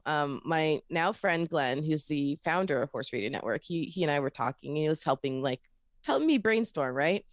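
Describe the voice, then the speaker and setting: Upbeat chatty woman, low voice. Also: expressive, moderate pace, no echo, clean studio sound. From Florida, USA. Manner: upbeat, chatty storyteller who laughs often. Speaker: podcast producer guest. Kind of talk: casual interview chat.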